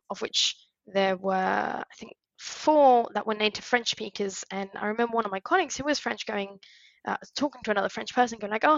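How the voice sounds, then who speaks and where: A woman's voice: mid-range voice, creaky, a bit bright, no echo, highs cut off. A woman from Spain chatting as an interview guest, telling stories with lots of fillers and acted-out quotes. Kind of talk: casual interview chat.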